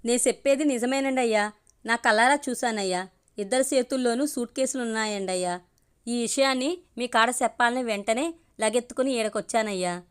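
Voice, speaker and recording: A woman voicing an excited male village servant who reports news with deferential rustic talk. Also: on the high side, fairly quick, clear, resonant tone, natural voice. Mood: alarmed.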